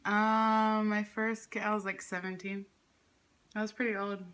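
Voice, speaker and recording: A relaxed woman in her twenties from Hawaii, chatting easily as an interview guest and laughing often. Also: mid-range voice, measured pace, clear, resonant tone. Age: 20s. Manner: relaxed, giggly, easygoing. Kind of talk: casual conversational interview.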